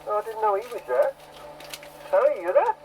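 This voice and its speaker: An agreeable amateur CB radio operator chats casually over his CB set, often repeating himself. His voice sits high and sounds very animated, moving a little fast. The audio is dull and lightly hissy, typical of CB radio.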